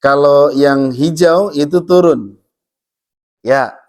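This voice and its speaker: A male recitation teacher in a mosque. He switches between quick explanations and slow chanted verses, and he coaxes the congregation to chant along with him. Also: a little high, darkish tone. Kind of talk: teaching melodic Quran recitation.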